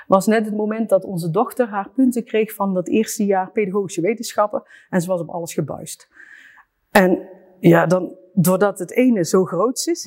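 A woman's voice: lowish voice, a little mellow. A woman in her fifties, a mother speaking candidly in an interview, often restarting and hesitating as she searches for words. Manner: candid, halting, with frequent restarts and fillers. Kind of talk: emotional personal interview.

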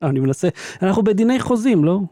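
Inquisitive man with a mellow voice. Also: sits high, big pitch swings, no room sound, studio quality. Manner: probing, keeps pressing with questions. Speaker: podcast co-host. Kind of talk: casual chat.

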